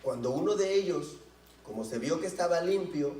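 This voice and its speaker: A man's voice: a little high, expressive, normal speed, a little mellow, a little hiss or hum. A male pastor preaching a sermon in a church, in a conversational way, often asking the congregation questions. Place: church sanctuary. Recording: roomy echo, mic at a distance.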